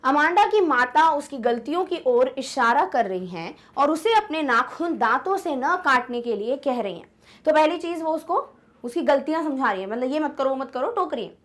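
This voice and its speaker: Young woman teacher, high voice, chatty explainer, keeps asking if it's clear, reads the english lines slow. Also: animated. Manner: chatty, explanatory, checks understanding with "ठीक है". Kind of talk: online lesson explaining an English poem in Hindi.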